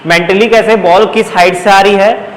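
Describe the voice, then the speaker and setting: A man's voice: high voice, steady tone, normal speed. A young male teacher with a Chhattisgarhi Hindi accent, coaching a live class by drilling sentence patterns and coaxing his students along in a chatty way. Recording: echoey classroom, faint background noise.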